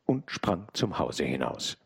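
Slow, expressive male audiobook reader. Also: sits low, gravelly, breathy edge, dry recording. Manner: measured, expressive narration. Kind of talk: dramatic literary reading.

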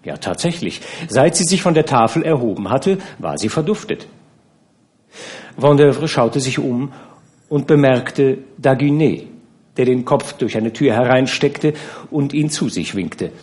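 A man narrating a classic novel as an audiobook, in a measured, expressive storytelling manner. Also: medium pitch. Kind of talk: literary audiobook reading.

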